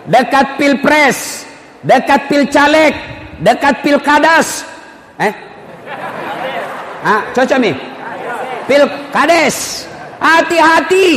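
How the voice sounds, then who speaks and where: A man's voice: very high voice, expressive, extremely slow, long pauses, fairly bright tone. A man preaching a humorous sermon, joking and bantering with the congregation. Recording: echoey hall with faint background hum.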